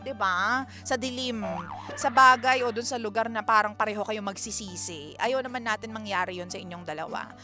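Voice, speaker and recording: A woman's voice: medium pitch, fairly quick, bright, forceful tone. A Filipino woman radio DJ giving chatty relationship advice and reading listener messages, mixing Tagalog and English. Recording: radio broadcast with faint music behind.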